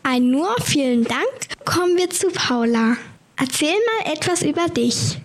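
Woman interviewer, high voice, short polite questions. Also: lively intonation, a little slow. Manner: polite, brief.

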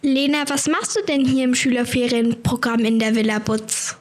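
A woman's voice: on the high side, steady tone, normal speed. A woman co-hosting an interview, asking brief, polite questions.

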